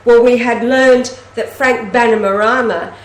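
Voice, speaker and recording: A woman with a fairly high voice tells stories in lively casual talk, acting out what others said. She is recorded in a noticeably echoey room. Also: unhurried. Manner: animated storyteller, acts out quoted speech. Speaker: host. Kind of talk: casual conversation.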